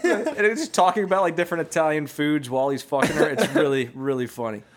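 A man's voice: fairly high pitch, quick pace, crowd noise. A man co-hosting a podcast in casual chat, swearing offhandedly and steering the questions. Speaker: podcast co-host.

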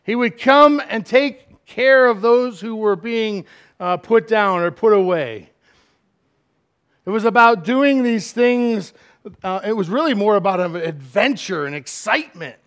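A middle-aged man preaching a sermon as pastor, swinging from loud, emphatic lines to quiet asides. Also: sits high, expressive, measured pace, clear, resonant tone.

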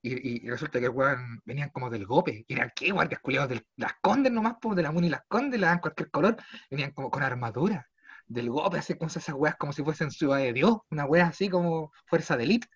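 A young Chilean man with a Chilean accent telling a comedic story casually, swearing freely and swinging between low mutters and loud exclaims. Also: lively intonation, a little fast, husky. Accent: Chilean Spanish. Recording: slightly dull lo-fi sound.

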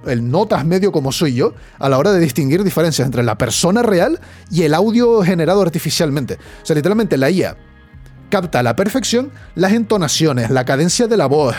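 A young man with a Spain Spanish accent, hosting a podcast in a chatty, slangy, animated way. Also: fairly high pitch, a little fast, faint music behind. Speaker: podcast host. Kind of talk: casual news chat.

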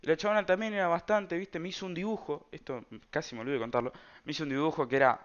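Argentine dude rambling thru a story, slangy and full of fillers, smooth clear voice, kinda muffled lo-fi sound. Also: male voice, fairly high pitch, fairly even intonation, very fast. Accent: Argentine Rioplatense Spanish. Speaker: storyteller vlogger. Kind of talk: casual storytime monologue.

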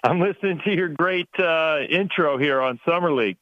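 A man's voice: a little high, normal speed, no room sound. A man speaking casually as an interview guest, a promoter calling in to a radio show. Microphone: telephone. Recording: dull, dry phone-in audio.

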